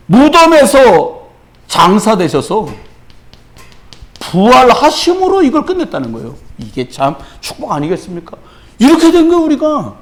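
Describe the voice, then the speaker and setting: A pastor preaching a Friday evening sermon, animated, shouting out acted-out quotes and dropping to a hush, chuckling through his own stories. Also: sits high.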